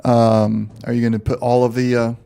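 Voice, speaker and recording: Gravelly-voiced man running the game. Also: medium pitch, level tone, normal speed, warm tone. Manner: thinks aloud with frequent ums while checking rules. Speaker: game master. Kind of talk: running a tabletop game over voice chat.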